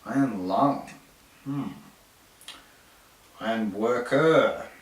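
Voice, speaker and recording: A man's voice: medium pitch, very slow. A man hosts a casual explainer, joking and rambling as he goes and poking fun at himself. He sits some way back from the mic in a roomy, echoing space. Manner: playful, rambling, self-mocking, animated storytelling. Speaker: host. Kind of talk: jokey explainer monologue. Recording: roomy echo, distant mic.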